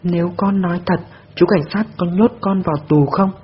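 A man's voice: sits high, fairly even intonation, moderate pace, breathy edge, voice pushed up. A man voicing a stubborn little girl who lies and cries, her voice strained and pleading. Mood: tearful. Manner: crying, pleading. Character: stubborn lying little girl, tearful and sly. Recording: dull lo-fi recording.

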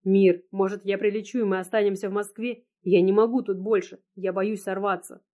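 A woman's voice: mid-range voice, fairly even intonation, normal speed, warm tone, dull audio, close to an everyday voice. A woman reading as a broken, pleading young man. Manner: pleading, choked with despair. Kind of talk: audiobook reading.

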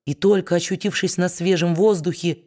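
A woman reading a novel aloud in steady, measured audiobook narration. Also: on the low side.

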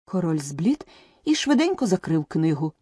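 A woman narrating a storybook audiobook in an expressive, lively way. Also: lowish voice, normal speed, slightly rough, no echo, studio quality.

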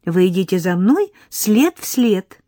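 A woman's voice: mid-range voice, very animated, a little slow, no room sound, clean studio sound, voice pushed up. A woman reading an audiobook voices a cheeky, chattering little village girl who is sly and bossy. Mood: lively. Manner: giggly, chattering, mock-serious. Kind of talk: audiobook character voice.

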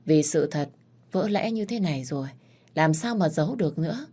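Woman audiobook narrator, deep-voiced, steady and dramatic. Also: moderate pace, breathy edge. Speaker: story narrator. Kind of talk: first-person audiobook narration.

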